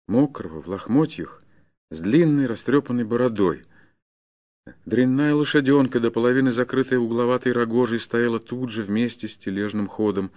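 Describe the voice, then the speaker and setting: A man reading a classic story aloud in a measured, even storytelling manner. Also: mid-range voice. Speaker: narrator. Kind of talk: scripted narration of a classic story.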